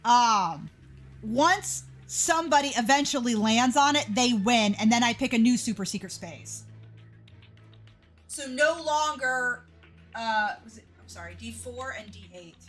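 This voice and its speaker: A woman's voice: a little high, lively intonation, measured pace, a bit bright, soft background music. A young adult woman chatting casually with her live stream audience, laughing easily. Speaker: game streamer. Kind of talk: casual livestream chat.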